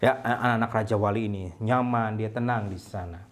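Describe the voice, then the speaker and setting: A man preaching an online sermon for an online service, telling a story with lively acted-out cries and dropping low and soft at the end of phrases. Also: brisk. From Indonesia. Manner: animated storytelling, acts out a crying eaglet; ends phrases with a low, soft address to listeners. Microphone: online service broadcast.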